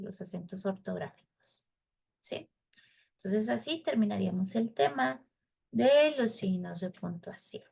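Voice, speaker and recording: A woman's voice: medium pitch, vocal fry, a little mellow, husky. A woman teacher, explaining a lesson patiently and often checking with her students. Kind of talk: recorded class lesson.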